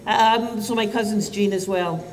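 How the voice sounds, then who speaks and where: Speaking from a lecture hall lectern, a Scottish doctor in her sixties addresses parents in an unhurried, medium-pitched voice. She's animated, uses both hands to gesture and puts questions to the audience. It's recorded from a distance with a roomy hall sound.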